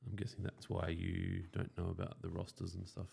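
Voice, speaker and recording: A man's voice: deep voice, completely flat delivery, fairly quick, gravelly, mellow, slight background noise. A man with a broad Australian accent and a blokey, sweary, joking manner, hosting a casual live chat. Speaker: host of a lawn care show. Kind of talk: casual live chat answering viewer questions.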